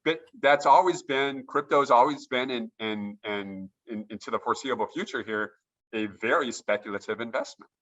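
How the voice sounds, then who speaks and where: A man appears as a guest on a video call for a casual interview, talking eagerly about investing in notes and often restarting his sentences. His voice sits at medium pitch with a fairly bright tone and a moderate pace, though the audio sounds dull.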